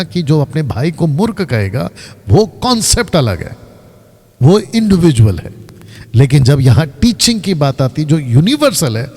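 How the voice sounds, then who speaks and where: Animated pastor in a hall. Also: male voice, a little high. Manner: animated, directs a reader, quizzes the audience. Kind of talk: live Bible teaching. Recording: long hall reverb.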